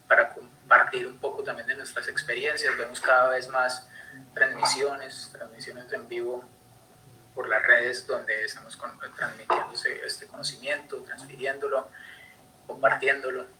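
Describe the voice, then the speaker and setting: A young Colombian man with a Colombian accent gives an online conservation talk through a computer mic on a video call. His mid-range voice is level, bright and forceful at normal speed, with many fillers and restarts, and the recording is low quality.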